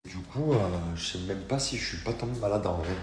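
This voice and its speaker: A sore, tired man chatting casually in a slangy, animated vlog, telling stories with many restarts. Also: sits low, a little fast, background noise. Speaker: vlogger. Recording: echoey room.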